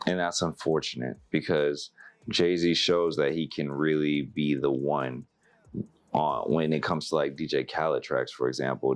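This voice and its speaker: Very low-voiced male album reviewer, casual and rambling. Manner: rambling, laughing, animated voices when quoting. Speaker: music reviewer.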